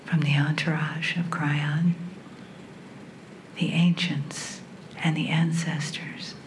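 Low, soft, whispery woman guiding meditation. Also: level tone. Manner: soft, breathy, soothing half-whisper; slow, with long pauses between short phrases. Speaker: guided meditation leader. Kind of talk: guided meditation. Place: in a room with a group. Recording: clearly noisy recording with low rumble.

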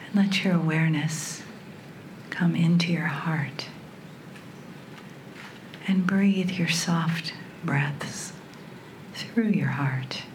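A woman leading a guided meditation in a soft, breathy, soothing half-whisper, in short phrases with long pauses. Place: in a room with a group. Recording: clearly noisy recording with low rumble.

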